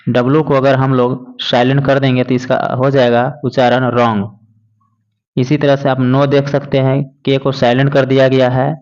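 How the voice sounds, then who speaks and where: A man teaching a lesson, slowly and patiently spelling out words letter by letter. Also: mid-range voice, darkish tone, clear, resonant tone. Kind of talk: classroom lesson explaining English words in Hindi. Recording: dull lo-fi recording.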